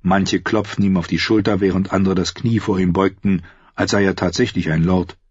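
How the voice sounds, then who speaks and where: A man narrating a fantasy story in a steady storytelling manner. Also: sits low, moderate pace, breathy edge, no room sound, muffled recording. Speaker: audiobook narrator.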